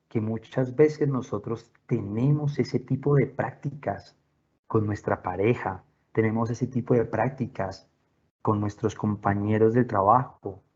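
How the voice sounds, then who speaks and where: Husky-voiced man giving a parenting talk. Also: on the low side, a little mellow, lo-fi sound. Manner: earnest, storytelling, asks questions. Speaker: parent workshop speaker. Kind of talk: talk to parents, told from his own life. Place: at home, with pets nearby.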